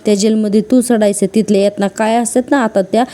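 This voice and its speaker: Woman doing an angry young woman dishing out revenge, slow menacing threats, real dark mellow voice. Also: mid-range voice, fairly even intonation, close to an everyday voice. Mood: menacing, furious. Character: furious young woman avenging her family. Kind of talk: quoted lines in a serial recap.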